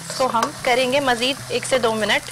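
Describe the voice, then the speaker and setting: A young Pakistani woman hosts a TV cooking demonstration in a studio kitchen, guiding viewers through each step and addressing them directly. Her voice is a little high with fairly even intonation and a moderate pace, and the recording is very noisy.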